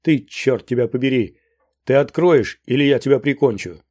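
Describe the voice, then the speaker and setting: A man's voice: medium pitch, moderate pace, warm tone, no room sound, studio quality, natural voice. A man doing a barking, ruthless gang leader. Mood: threatening. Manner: barking, threatening. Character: ruthless jealous male gang leader with a pistol.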